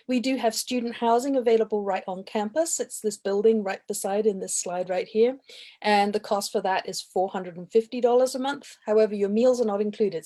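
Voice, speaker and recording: A woman walks prospective students through campus services and costs in a steady, informative manner, with frequent ums and small restarts. Her voice sits at an ordinary middle pitch. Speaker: college recruitment presenter. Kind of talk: webinar presentation.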